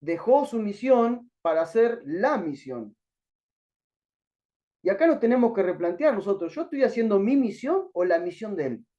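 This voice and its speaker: A man teaching a Bible class, his voice high-pitched yet mellow and dark in tone. He asks his listeners rhetorical questions and often restarts sentences while searching for words. The recording sounds dull and muffled. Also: very animated, moderate pace. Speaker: teacher at a missionary school.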